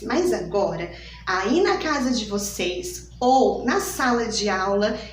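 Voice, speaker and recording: A woman teacher, giving a phonics lesson for small children and drawing each word out slowly in an exaggerated sing-song way. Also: fairly high pitch, recorded from a distance, a little hiss or hum. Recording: echoey room, voice from off the mic.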